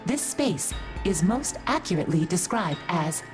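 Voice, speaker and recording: An actress voicing an artificial female unit in a video game, a glitching robot voice giving flat machine-like status reports and error messages. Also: on the low side, a little slow, over music. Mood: mechanical. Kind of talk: video game story cutscene.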